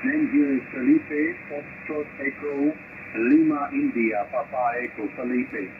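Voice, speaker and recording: A ham radio operator making a radio contact, reading call signs in the phonetic alphabet, heard through a shortwave receiver. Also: male voice, medium pitch, fairly even intonation, measured pace. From Chile. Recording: tinny radio signal with loud static.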